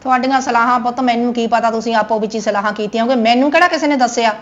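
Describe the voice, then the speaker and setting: A woman with a high voice grumbles quickly and wearily as the mother in a Punjabi family comedy sketch. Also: muffled recording, background noise.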